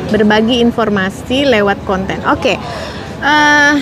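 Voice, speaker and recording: There's a crowd in the background as a vlogger in her forties from Indonesia speaks slowly in a slightly high voice, chatting to viewers and replying to their comments. She uses many fillers. A clip-on lapel mic captures her on a city street amid outdoor noise.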